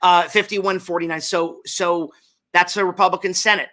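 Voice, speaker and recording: A man hosts a political commentary show while hungover. His voice sits a little high and has a bright, forceful edge. He is opinionated and emphatic, yet halts to check himself as he goes. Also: steady tone, normal speed. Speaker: host of a political talk show.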